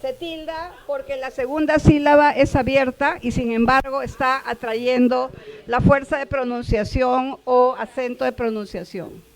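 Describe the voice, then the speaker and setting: Female workshop instructor, high voice, unhurried, patient check-ins. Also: rough recording. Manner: checks in often with the class, repeats words slowly. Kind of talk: classroom explanation.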